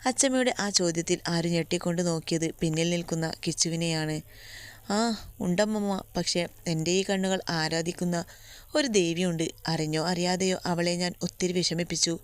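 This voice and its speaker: A woman's voice: on the low side, fairly even intonation, fairly quick, clear, resonant tone, dry recording. A woman narrating a romance story, reading the characters' lines in a slightly lifted voice.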